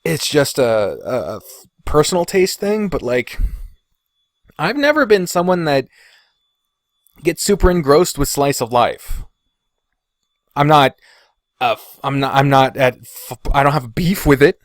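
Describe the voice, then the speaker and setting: A man's voice: a little high, animated, measured pace, long pauses, no echo, clean studio sound. A man talking casually as a podcast host, candid and rambling, hesitating and qualifying himself, with casual swearing. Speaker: podcast host and video creator.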